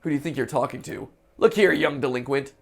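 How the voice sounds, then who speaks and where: A man's voice: mid-range voice, fast talker, creaky. A man doing a nosy, fussy old neighbor. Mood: indignant. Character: suspicious elderly male neighbor, prim and nosy.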